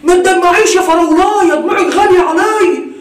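A woman putting on the voice of a smug male friend with an Egyptian accent, talking boastfully in a lowered voice. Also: quick pace. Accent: Egyptian Arabic. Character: smug male friend who woos the widow. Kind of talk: comic home sketch. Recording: echoey room, far from the mic.

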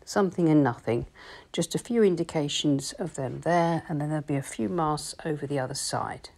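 Woman, watercolour teacher, low voice, calm step-by-step explanation. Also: normal speed, vocal fry. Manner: calm, explanatory, gently instructive. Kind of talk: painting tutorial voice-over.

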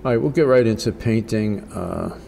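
An older man giving a casual watercolor tutorial as a gentle, encouraging, unhurried painting instructor. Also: lowish voice, expressive, creaky, a little hiss or hum.

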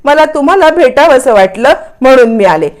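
A woman's voice: sits high, lively intonation, moderate pace, darkish tone. A woman voicing a firm, self-assured young wife. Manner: insistent, reassuring.

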